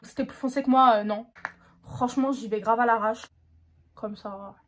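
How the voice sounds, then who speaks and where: A woman's voice: a little high, steady tone, normal speed, a bit bright. A young woman chatting casually through a makeup tutorial, slangy and self-mocking. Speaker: beauty vlogger.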